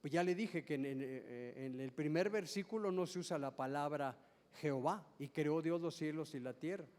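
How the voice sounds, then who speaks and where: In a large church service hall, a pastor with a fairly high, darkish voice preaches a sermon at normal speed. He explains things step by step, often repeating and restarting words and putting questions to the congregation.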